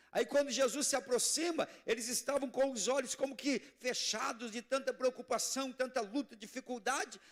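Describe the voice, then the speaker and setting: A Brazilian pastor preaches with fervor, his voice sitting high for a man. He drives his points home in short, repeated phrases and calls out questions for the congregation to answer. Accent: Brazilian Portuguese. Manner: fervent preaching with call-and-response to the congregation. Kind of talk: sermon. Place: church service.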